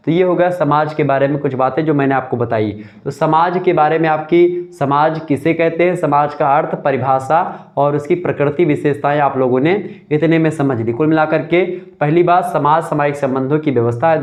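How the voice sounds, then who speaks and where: Higher-pitched man teaching a lesson. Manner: explaining step by step, repeats key points, frequent restarts. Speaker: sociology teacher. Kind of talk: live online lecture.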